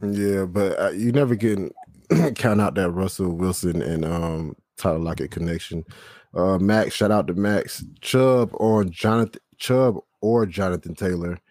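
A man hosting a fantasy football podcast, leading the segments in casual chat and tossing questions and shout-outs to his co-hosts. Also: sits low, unhurried, no room sound, studio quality.

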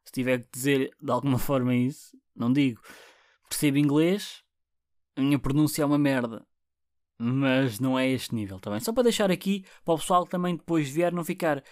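A man's voice: medium pitch, no room sound, studio quality. Rambling young man with a European Portuguese accent. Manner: rambling and profane, with frequent restarts and fillers. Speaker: podcast host. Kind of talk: casual solo podcast monologue.

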